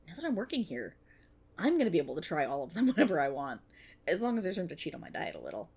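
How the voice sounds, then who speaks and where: Her mid-range voice husky, a woman performs an ASMR-style roleplay aimed at the listener as an eager, earnest young banshee idol-in-training who is chatty and likes to tease.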